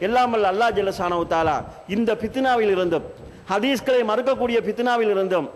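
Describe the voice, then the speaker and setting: High-pitched Sri Lankan Tamil man preaching. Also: fairly quick. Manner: forceful, rhetorical questioning. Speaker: speaker at an Islamic conference. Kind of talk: religious lecture. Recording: long hall reverb.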